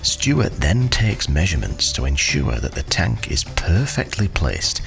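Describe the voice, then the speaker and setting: A man narrates in an extremely low, gravelly voice. His scripted voice-over has a dry, wry wit, and his pitch moves in a lively way. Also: a little slow, music in the background.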